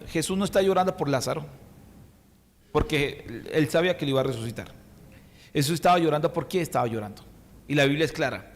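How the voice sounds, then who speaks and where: Guy pastor from colombia preaching, kinda high voice, long echo in the church, music playing under it. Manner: preaching with rhetorical questions, reads scripture aloud. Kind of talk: sermon. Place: church hall. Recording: reverberant church hall with music.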